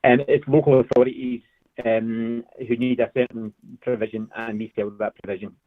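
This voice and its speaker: A man's voice: medium pitch, flat delivery, moderate pace, dry recording. A man taking a cold sales call over the phone, polite and hesitant with frequent ums. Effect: heard over a phone line. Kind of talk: casual phone conversation. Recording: tinny dry phone line.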